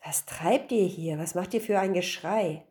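A woman doing a gentle little old man. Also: on the low side, unhurried, lightly acted. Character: kindly small old man.

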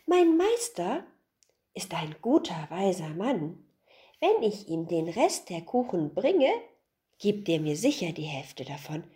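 A woman's voice: on the low side, big pitch swings, takes it slowly, warm tone. A woman voicing a greedy, hungry young boy who eagerly talks himself into things in a storybook tale. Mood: scheming. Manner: eager, self-justifying.

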